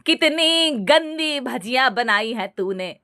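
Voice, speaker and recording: A shrill, demanding older mother-in-law barks orders in a high, swooping voice, as a woman puts her on. Every complaint is dragged out slowly and loudly, bright and sharp-edged, in a dry close recording. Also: expressive, dry recording, full character voice. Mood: scolding. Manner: shouting, slow drawn-out scolding.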